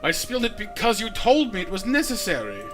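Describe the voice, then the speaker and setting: An actress playing a proud, defiant young warrior daughter in a video game, speaking with intensity. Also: female voice, mid-range voice, very animated, brisk, over music, lightly acted. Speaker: game character.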